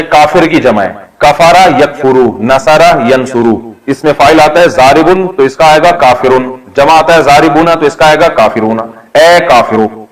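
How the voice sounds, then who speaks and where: A man's voice: on the high side, rough recording. A middle-aged man teaching a Quran lesson, explaining each word, quizzing the class and joking as he writes on a board. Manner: explains word by word, asks and answers own questions, jokes. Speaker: religious scholar teaching. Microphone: recorded lesson while writing on a board.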